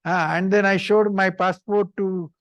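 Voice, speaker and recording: High-pitched older man giving informal lecture. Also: steady tone, measured pace, a bit bright, highs cut off. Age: middle-aged or older. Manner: chatty, repetitive, short simple phrases. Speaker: visiting professor giving a seminar talk.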